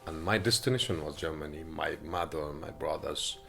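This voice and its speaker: A man from Afghanistan, speaking halting with many hesitations as he gives personal testimony in an interview, recorded in an apartment. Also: extremely low pitch, gravelly, fairly bright tone, faint music behind. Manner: halting non-native English with frequent hesitations.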